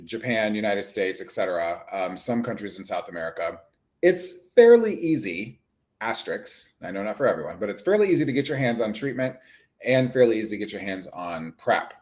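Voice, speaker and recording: Chatty, animated man talking freely. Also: on the low side, fairly quick. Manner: chatty, animated, lots of "like" asides. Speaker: HIV clinician and advocate. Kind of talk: casual live-stream conversation.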